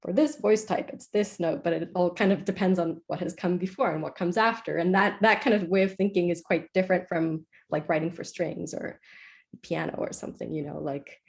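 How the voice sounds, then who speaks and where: Young woman from Iceland, composer guest, somewhat low voice, rambling casual answers. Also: fairly even intonation, a little fast, gravelly. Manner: chatty, many "like"s and self-corrections. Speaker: composer being interviewed.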